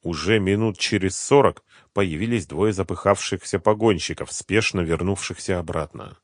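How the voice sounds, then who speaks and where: Low-voiced man reading an audiobook. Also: moderate pace, no room sound, clean studio sound. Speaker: audiobook narrator. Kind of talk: scripted narration.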